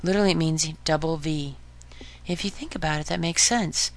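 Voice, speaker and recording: Low-voiced woman teaching Spanish pronunciation. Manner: slow, clear modeling of sounds for repetition. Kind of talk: podcast pronunciation lesson.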